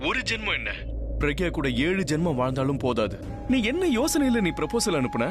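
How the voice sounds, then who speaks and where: A man's voice: a little high, sing-song, brisk. A man voicing a fiercely devoted husband in a dubbed TV serial, speaking with intense emphasis, scornful toward his rival. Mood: accusing. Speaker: husband declaring love for his wife. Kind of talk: Tamil-dubbed TV serial acting. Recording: TV drama dub with faint music behind.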